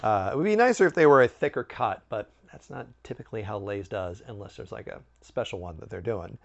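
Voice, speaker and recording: A man hosting a snack review, chatting casually with animated, swooping emphasis. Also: lowish voice, fairly quick, creaky, highs cut off. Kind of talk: casual food review chat.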